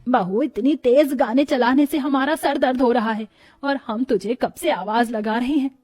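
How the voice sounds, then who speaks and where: A woman's voice: sits high, moderate pace, darkish tone, no echo, studio quality, soft background music. A woman voicing a strict, weary older mother-in-law in a storybook, speaking sternly. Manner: stern, complaining. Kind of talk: storybook voice acting.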